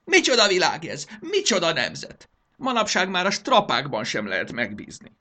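A man's voice: mid-range voice, very animated, bright, forceful tone, pitched above the performer's own voice. A man reading a storybook aloud and voicing a hysterical, petulant male ruler who shrieks, sobs and whines. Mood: raving. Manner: shrieking, sobbing, manic laughter.

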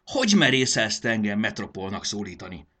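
A man's voice: on the low side, very animated, bright, forceful tone, slightly rough, heavily acted. A man voicing a pompous, hot-tempered male warlord who bellows commands in a storybook reading. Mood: furious. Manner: bellowing commands, self-important.

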